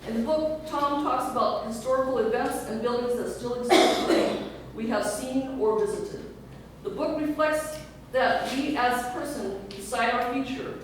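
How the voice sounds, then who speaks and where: Woman emcee in booming hall. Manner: reads aloud with stumbles. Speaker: event emcee. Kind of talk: reading audience book reviews aloud. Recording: echoey hall, voice from far off, faint hiss.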